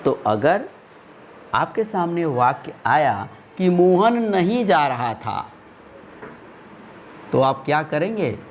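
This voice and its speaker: Male tutor for a recorded grammar lesson, slow and methodical, answers his own questions, faint room noise. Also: a little high, sing-song. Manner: stretches out English example words. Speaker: English grammar teacher. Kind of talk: classroom-style grammar lesson.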